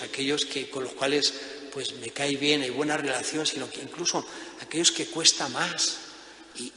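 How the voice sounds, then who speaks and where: A male priest giving a Lenten conference talk in a lively, animated manner. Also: medium pitch. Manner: lively, acts out voices in anecdotes. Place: monastery church or hall. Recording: echoey hall with long reverb.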